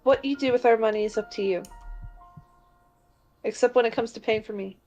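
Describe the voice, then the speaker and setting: Lady doing sweet stubborn old wife, soft n tender, kinda high voice. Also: a little fast, faint music behind, lightly acted. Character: gentle ailing elderly wife, quietly stubborn. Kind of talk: let's play character voicing.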